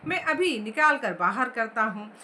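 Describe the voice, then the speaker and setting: A woman's voice: fairly high pitch, animated, measured pace, bright, forceful tone, slight background noise. A woman voicing a stubborn, hot-tempered father in a story read aloud in class. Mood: angry. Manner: angry, blustering.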